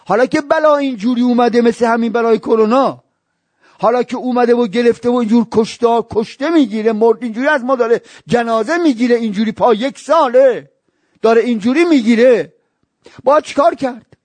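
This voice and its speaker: A man preaching a religious sermon, telling stories and breaking into high wailing cries and chanted verses. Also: a little mellow, no room sound. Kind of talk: Shia religious sermon with storytelling.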